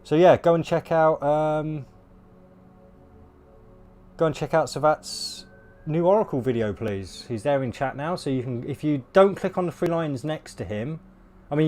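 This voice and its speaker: A man with a hoarse voice, chatting casually with viewers on a game livestream. He rambles and fills pauses with ums and uhs. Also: medium pitch, darkish tone. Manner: rambling, many fillers, laughs at himself. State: losing his voice, coughing. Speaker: game streamer. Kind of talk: casual live-stream chat with viewers.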